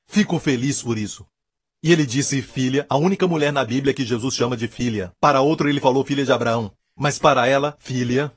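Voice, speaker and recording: A man's voice: mid-range voice, breathy edge, no echo, studio quality. A man preaching a sermon as pastor, emphatic and repeating his key phrases.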